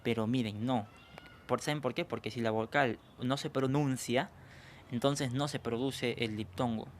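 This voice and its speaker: A man's voice: medium pitch, fairly even intonation, moderate pace, slight background noise. A man teaching a grammar lesson, explaining step by step and often checking that students follow along. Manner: explanatory, checks understanding with frequent questions. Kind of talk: online language lesson.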